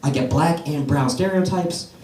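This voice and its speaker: This American stand-up comedian speaks at a normal speed in a fairly high, slightly mellow voice, with slight background noise. He's doing an open mic set before a live audience at a comedy club, telling stories casually and playing to the room. Laughter fills the distant, roomy recording.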